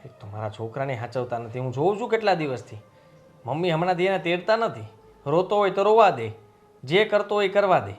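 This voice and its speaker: Brief: a high-voiced, indignant husband, played by a man who takes his wife's side. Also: big pitch swings, brisk, soft background music. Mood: aggrieved. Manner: indignant, scolding. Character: young husband siding with his wife against his mother. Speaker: son and husband. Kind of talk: family drama acting.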